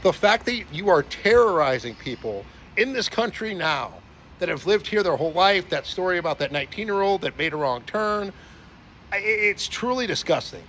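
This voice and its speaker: A man's voice: high-pitched, animated, normal speed, fairly bright tone, slight background noise. A man on an indignant, profane rant, sharply condemning what he describes. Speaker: social media commentator. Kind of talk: angry rant.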